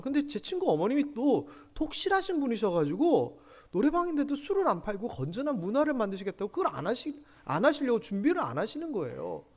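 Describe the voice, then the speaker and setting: Lively high-voiced preacher, a man. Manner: animated storytelling, asks the congregation questions, drops to whispered asides. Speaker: pastor. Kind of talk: sermon. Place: church sanctuary.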